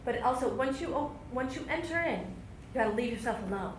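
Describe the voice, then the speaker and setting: A woman's voice: sits high, lively intonation, quick pace. A woman acting teacher giving direct, encouraging feedback to a student in class. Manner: direct, encouraging, explains in short plain phrases. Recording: roomy studio with faint noise.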